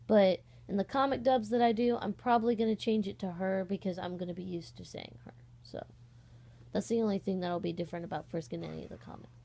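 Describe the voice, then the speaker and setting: Her mid-range voice is creaky yet mellow, delivered fast with fairly even intonation. A young woman who voice-acts as an amateur and hosts videos, she's chatting informally from her bed at home in a meandering vlog that easily goes off on tangents.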